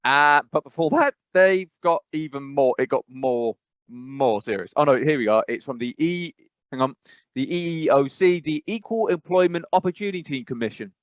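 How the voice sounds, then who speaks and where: This English podcast co-host has a voice on the high side, expressive and at a moderate pace, with no echo. He keeps stumbling over himself with fillers and restarts, drifting and chuckling mid-sentence, all through a dull, dry lo-fi microphone.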